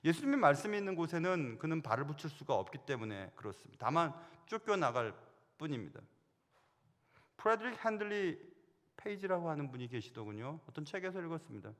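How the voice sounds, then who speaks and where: A man's voice: fairly high pitch, fast. A middle-aged man preaching a sermon as senior pastor, telling stories animatedly. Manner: animated storytelling, acting out quoted voices. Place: church sanctuary. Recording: long hall reverb.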